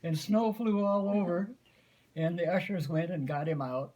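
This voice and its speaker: An American man in his eighties telling a folksy, unhurried story informally to family, often clearing his throat. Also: sits high, a little mellow, low-quality recording. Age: 80s. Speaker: grandfather giving an anniversary speech.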